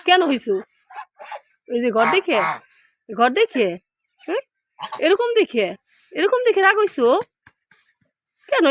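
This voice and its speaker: High-voiced woman coaxing a hen. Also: slight background noise. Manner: gentle, repetitive questioning. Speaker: poultry keeper. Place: farmyard outdoors with chickens. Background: clucking chickens.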